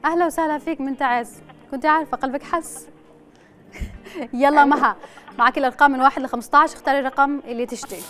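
Female quiz show host, Yemeni accent, high voice, playful and chatty with callers, light music underneath. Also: fairly even intonation, fast, long pauses, a bit bright. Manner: playful, teasing banter with callers. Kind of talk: chatty live game show presenting with callers.

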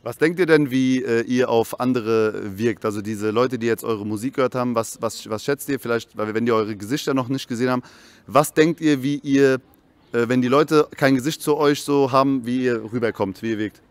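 A man's voice: mid-range voice, brisk, dry recording. A young man interviewing casually, with plenty of slang. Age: young adult. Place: outdoors in a leafy park. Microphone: handheld interview microphone.

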